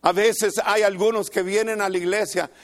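An older male pastor preaching a fervent sermon, swinging from soft musing to loud declarations. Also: sits high, steady tone, moderate pace.

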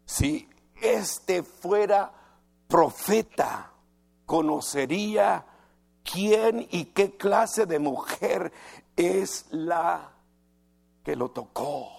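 Self-righteous male Pharisee, disdainful and slow; a preacher acts him out. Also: high-pitched, lively intonation, creaky, darkish tone, exaggerated voice. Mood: scornful. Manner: disdainful muttering to himself.

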